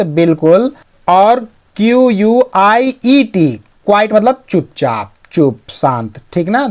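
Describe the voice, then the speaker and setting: A man works through an English story as a teacher. His voice sits a little high, and he reads each English line slowly. He then unpacks every word patiently in a bilingual lesson. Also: darkish tone.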